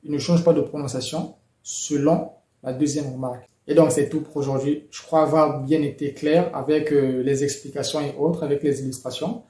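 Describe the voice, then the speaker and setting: A man explaining pronunciation rules in a measured, methodical lesson, with occasional fillers. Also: a little high, steady tone, warm tone, roomy sound. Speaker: language teacher.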